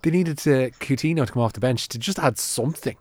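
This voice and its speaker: A man's voice: mid-range voice, fast, darkish tone, no room sound. A man with a wry, colourful way of talking, discussing football casually as a studio pundit. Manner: wry, colourful turns of phrase. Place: radio studio. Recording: studio with faint background noise.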